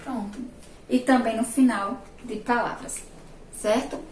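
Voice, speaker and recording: A fairly high-voiced Brazilian woman teaching young children over a remote class, recorded from across an echoey room. She speaks patiently and draws words out slowly, syllable by syllable. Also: fairly even intonation, a little mellow, recorded from a distance, slight background noise. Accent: Sergipe Brazilian Portuguese. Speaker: primary school teacher. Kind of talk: remote class lesson at a board.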